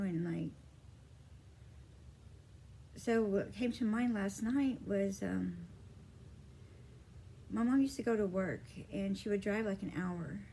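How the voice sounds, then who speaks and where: A woman tells a childhood story to her camera in a loose, rambling way, full of fillers and quoted back-and-forth. Her voice sits at a middle pitch. A faint hiss of background noise runs under the recording. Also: warm tone, low-quality recording. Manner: rambling, many fillers, acts out quoted dialogue. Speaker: vlogger. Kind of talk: casual personal storytelling to camera.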